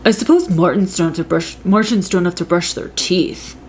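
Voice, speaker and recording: A woman's voice: lowish voice, normal speed, a little mellow, a little hiss or hum, natural voice. A woman doing an earnest little brother. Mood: curious.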